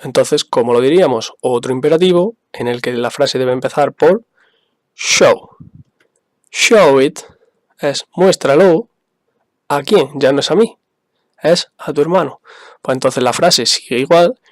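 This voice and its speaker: Slow, patient male English teacher. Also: medium pitch, dry recording, studio quality. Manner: patient, spells out examples and repeats them. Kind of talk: slow, careful explanation for beginners.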